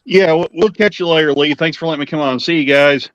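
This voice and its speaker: A man's voice: a little high, fast, fairly bright tone, no echo. Male call guest losing his voice, polite; dry, muffled line. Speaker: guest on a livestream. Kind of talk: casual chat. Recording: dry, dull lo-fi call audio.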